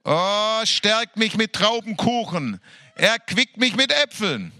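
A man in a worship service reading scripture with fervour, slowly drawing out his words and breaking into hallelujahs and laughter. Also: sits high, big pitch swings, sharp tone, no echo. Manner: fervent, exclaiming hallelujahs, laughing between verses; slow, drawn-out delivery. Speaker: worship leader.

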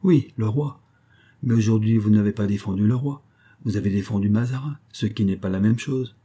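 A bold, swaggering musketeer officer barks curt orders and mocking scolds, as a male audiobook reader puts him on. The voice sits in a dark, mellow register with a husky edge, raised a little above the reader's own. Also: on the low side, brisk. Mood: stern. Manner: brusque, commanding, mocking. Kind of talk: audiobook character voice.

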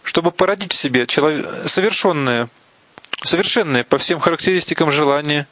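A man giving a slow, deliberate reading of a religious text, pausing between phrases and sometimes restarting a word. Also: fairly high pitch, expressive, a bit bright, slight background noise. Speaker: reader of Buddhist teachings. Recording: dull, lo-fi, dry recording.

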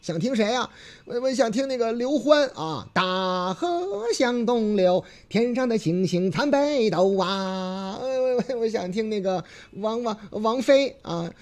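A man's voice: very high voice, lively intonation, normal speed, darkish tone. A man voicing a flustered plump young woman who stammers breathlessly in panic. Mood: eager.

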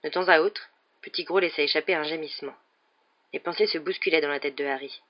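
An audiobook narrator reads a novel in a steady, dramatic manner. The voice is mid-pitched. The recording sounds slightly dull. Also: fast.

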